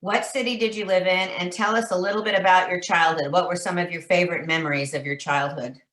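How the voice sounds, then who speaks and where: A woman's voice: fairly low pitch, steady tone, quick pace, fairly bright tone. A woman interviewing for an oral history project, asking polite, guiding questions. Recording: echoey room.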